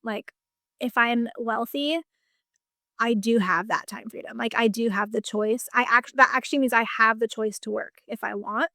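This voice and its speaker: A woman's voice: on the high side, normal speed, sharp tone, no echo, studio quality. A woman business coach talking in a casual podcast conversation, chatty and full of "like" fillers. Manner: chatty, heavy use of "like" fillers.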